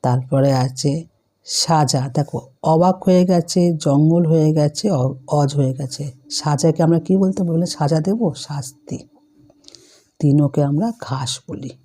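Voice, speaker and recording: A woman's voice: deep voice, unhurried, dark tone. A woman teacher patiently explaining a lesson to young pupils step by step, asking them questions as she goes. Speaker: primary school teacher. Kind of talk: online class lesson.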